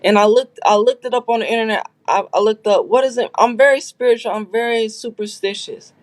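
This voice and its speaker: A woman's voice: fairly high pitch, brisk. Woman guest, blunt and candid, recounting her story in a casual chat. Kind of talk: casual livestream interview.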